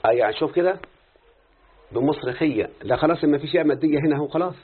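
A man with an Egyptian accent teaching Quranic readings and Arabic grammar in a live lesson, checking that his student follows with frequent questions. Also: on the high side. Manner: quick explaining, checking understanding with questions. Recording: tinny phone-like lo-fi recording.

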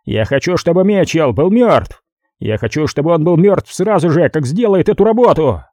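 Give me a man playing a raging gang boss shouting into a phone, pitched up high, for an audiobook. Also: animated, normal speed, no room sound, clean studio sound. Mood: enraged. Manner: shouting, snarling threats. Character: furious male crime boss on phone.

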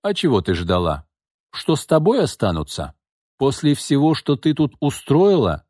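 A man's voice: medium pitch, huge pitch swings, normal speed, a little mellow, no room sound, clean studio sound, pitched above the performer's own voice. A man voicing an old female housekeeper who scolds in blunt, coarse, folksy speech. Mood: scolding.

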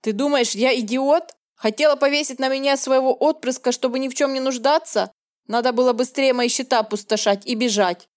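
A woman's voice: high-pitched, brisk, lightly acted. A woman reading the lines of a cold, contemptuous man in an audiobook, in her own voice. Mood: cold scorn. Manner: scornful, dismissive.

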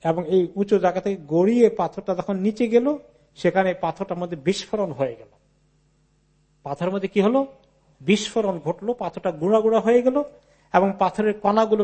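A man giving an Islamic sermon, reading Arabic slowly and then explaining it in a casual, chatty way. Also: high-pitched, a little mellow. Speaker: Islamic preacher.

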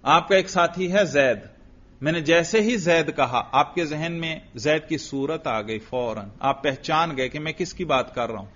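A man teaching a grammar class, his voice pitched somewhat high and heard through a dull, lo-fi recording. He quizzes students with repeated questions and answers. Now and then he chants phrases slowly, almost in a sing-song. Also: fairly bright tone. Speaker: religious teacher.

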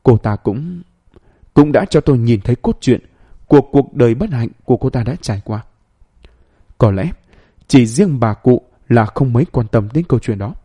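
Male storyteller for a horror tale, husky and mellow. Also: mid-range voice, animated, moderate pace. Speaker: narrator. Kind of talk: first-person horror story narration.

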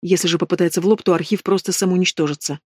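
A man's voice: high-pitched, fairly even intonation, very fast, no room sound, clean studio sound. A man reading a first-person novel aloud as an audiobook narrator, telling the story steadily.

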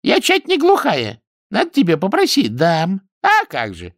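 A man's voice: very high-pitched, huge pitch swings, measured pace, vocal fry, no room sound, studio quality, voice pushed up, heavily acted. A man voicing a half-deaf, grumbling old village woman in an audiobook, with a plaintive folksy manner.

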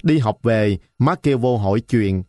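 A man's voice: medium pitch, animated, normal speed, dark tone, dry recording, clean studio sound. A man narrating a story in a vivid, colloquial style.

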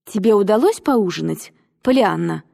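A stern, cold aunt who gives her orders in a dry, clipped tone, as a woman reader puts her on. She pitches her voice lower and keeps it mellow, and the reading carries a long reverb. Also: expressive, normal speed, creaky.

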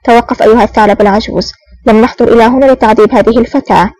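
A woman's voice: a little high, steady tone, racing, darkish tone, slight background noise, close to an everyday voice. A woman voicing a stern, impatient male foreign agent in an audiobook, curt and scolding.

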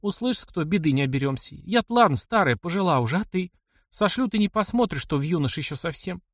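A man's voice: high-pitched, expressive, fast, no room sound, studio quality, pitched above the performer's own voice. A man voicing a worried older peasant woman who fosters a young man, in an audiobook, speaking in a fretful, pleading way. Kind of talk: audiobook character voice.

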